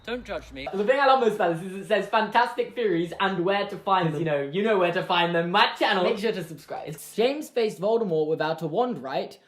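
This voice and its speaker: A man talking quickly and sarcastically in a chaotic comedic vlog. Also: sits high, a bit bright. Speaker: YouTuber. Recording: roomy with music behind.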